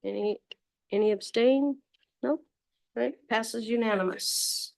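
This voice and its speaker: A woman's voice: on the high side, slow pace, gravelly, dry recording. A woman chairing a city council meeting, calling for motions and votes in a brief, matter-of-fact way. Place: council chamber.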